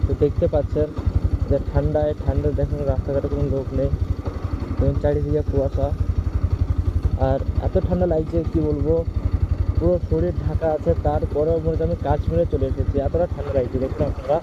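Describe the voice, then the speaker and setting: Loud motorbike noise surrounds a man's voice, muffled and dull inside a helmet. He chats casually to his followers in a fairly high voice, circling back over the same remarks as he rides. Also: level tone, fast talker. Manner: repetitive, talking while riding a motorbike. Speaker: motovlogger addressing followers. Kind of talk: casual vlog chat while riding. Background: motorcycle engine and road noise.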